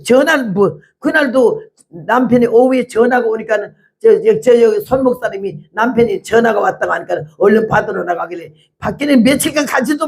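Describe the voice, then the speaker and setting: A woman, a missionary giving a testimony sermon and telling her story bluntly, acting out the quoted speech with lots of energy. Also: on the high side. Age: 80s. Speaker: missionary preacher.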